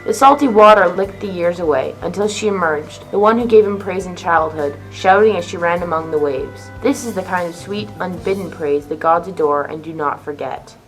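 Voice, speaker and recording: A woman narrating a myth in a measured, vivid storytelling voice for a school play. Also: lowish voice, soft background music, rough recording.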